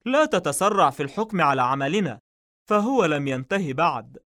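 A calm, confident male detective in a novel read aloud, voiced by a man. He speaks with quiet authority and is never rushed. The voice sits somewhat higher than the narrator's own. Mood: calm, firm. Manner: calm and assured, slightly raised pitch.

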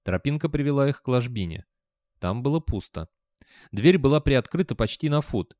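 A man reading an audiobook in scripted narration with an even, measured delivery. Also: medium pitch, dry recording, studio quality.

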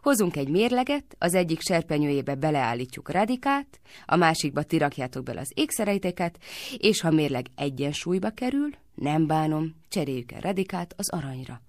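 A sly young cowherd boy teases his friends with mock innocence in a read-aloud storybook, as a woman reader puts him on. The voice is low and gravelly and sits close and dry. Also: very animated, no room sound. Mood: teasing. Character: clever playful young cowherd boy Krishna.

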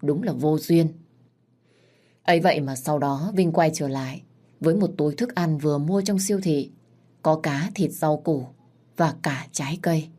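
A woman narrating a first-person audio story. Her voice sits on the low side and she tells the story in a measured, expressive way.

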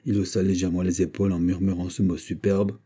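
A man reading a classic novel aloud as an audiobook narrator, in a measured storytelling manner. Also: sits low, little pitch movement, mellow, breathy edge. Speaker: audiobook reader.

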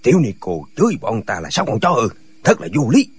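A gang of foolish male martial hermits squabbles endlessly in a radio drama, as a man acts them out. Their voice is husky and rides up and down with lively swings. They argue in circles, each line picking at the last. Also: medium pitch, fast talker. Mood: indignant. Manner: bickering, argumentative back-and-forth.

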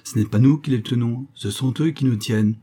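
A man's voice: mid-range voice, brisk, mellow, husky, natural voice. A man voicing a worried male manservant who grumbles and talks cautiously. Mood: grumbling.

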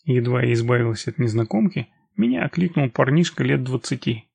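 Gravelly male audiobook narrator. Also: medium pitch, lively intonation, fairly quick, darkish tone, no echo. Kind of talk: first-person action narration.

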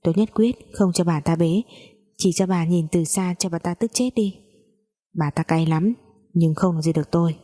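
Female storyteller, mellow and low, chatty narration. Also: moderate pace.

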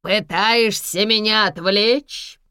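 A cold, mocking older villain with a lowered, forceful voice , as a woman reads him out. He barks threats with lively swings in pitch, in a dry, close audiobook sound. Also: unhurried, no echo. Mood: menacing. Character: ruthless older man, menacing villain with a revolver.

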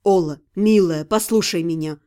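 A woman voicing a tender, protective male necromancer in an audiobook, speaking low, soft and soothing. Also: steady tone, moderate pace, close to an everyday voice. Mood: gentle, soothing.

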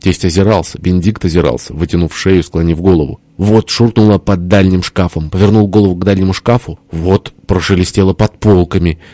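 A man with a very low, dark voice narrates a literary audiobook in a measured, expressive reading. The sound is dry and close. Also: no echo.

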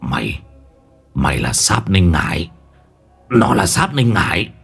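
A man's voice: low-pitched, sing-song, fairly bright tone, faint music behind, pitched below the performer's own voice, heavily acted. Man doing a grumbling old sorcerer. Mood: gasping. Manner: gruff, rapid muttering.

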